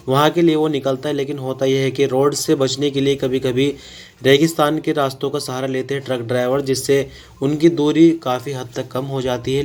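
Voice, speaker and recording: Guy reading news voice-over, very flat monotone delivery, steady pace. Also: mid-range voice. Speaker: news presenter. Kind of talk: scripted news narration.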